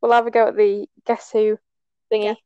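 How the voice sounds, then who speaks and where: A woman's voice: mid-range voice, flat delivery, a little fast, mellow, smooth, no echo, muffled recording. A woman guest on a casual podcast, self-deprecating and giggly. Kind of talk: casual chat.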